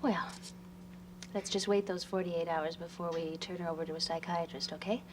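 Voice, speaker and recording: A woman's voice: lowish voice, fairly even intonation, moderate pace, noisy background, close to an everyday voice. An actress playing a worried woman protecting her sister in a daytime soap, speaking anxiously and pleadingly. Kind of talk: daytime soap opera acting.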